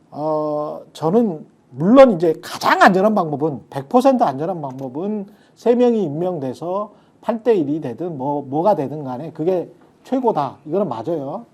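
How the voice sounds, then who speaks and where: A man's voice: high-pitched, a little mellow. A man on a political talk show, giving his views emphatically and drifting into blunt casual speech.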